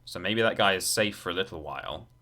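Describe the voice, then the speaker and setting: A man's voice: deep voice, lively intonation, quick pace, bright, forceful tone. A man live-streaming a video game, rambling and thinking aloud as he chats casually with his viewers. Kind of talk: live gameplay commentary with casual chat to viewers. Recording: game music behind the voice. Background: video game music.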